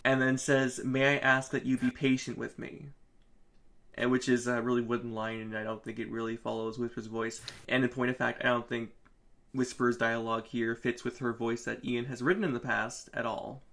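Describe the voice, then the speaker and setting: A man with a middle-pitched voice recaps a comic in casual review chat. He talks in a halting way, full of restarts, with a wry edge. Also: little pitch movement, a bit bright. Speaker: podcast co-host.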